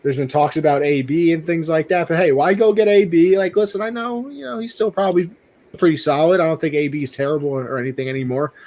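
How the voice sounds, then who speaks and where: A young man co-hosting a sports podcast, chatting casually and excitably, tripping over his words now and then. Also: fast. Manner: excitable, jumps in pitch, trips over words. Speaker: podcast co-host.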